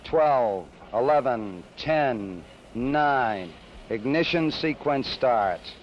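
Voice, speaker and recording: A man's voice: mid-range voice, animated, very slow. A man announcing launch control calls and a countdown, heard over a radio link in an old archival recording. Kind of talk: countdown commentary. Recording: muffled archival radio with hiss.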